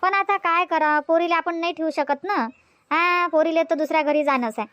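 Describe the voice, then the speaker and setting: A woman's voice: very high-pitched, brisk, fairly bright tone, dry recording, clean studio sound. A woman voicing a chatty village aunt in a cartoon, with a Varhadi Marathi accent and a soothing, gossipy way of talking. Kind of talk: cartoon comedy voice acting.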